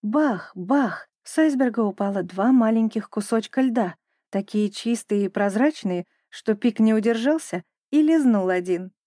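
A woman narrating a children's story in a gentle, even storytelling manner. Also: a little high, moderate pace, no echo, clean studio sound.

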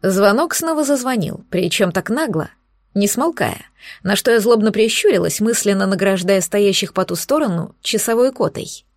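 A woman narrating first-person fiction in an expressive, wry way, close to the mic. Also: medium pitch, moderate pace, dry recording.

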